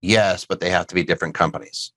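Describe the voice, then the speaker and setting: A man's voice: sits low, steady tone, fast talker, fairly bright tone, no echo. A middle-aged man hosting a casual tax question show, answering listener questions and cracking dad jokes. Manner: joking, rambling, dad-humor asides.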